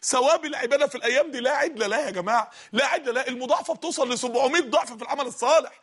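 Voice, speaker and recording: A man preaching a fervent sermon in an Egyptian Arabic accent, exhorting his listeners and sometimes shouting. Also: very high voice, racing, husky. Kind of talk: impassioned sermon.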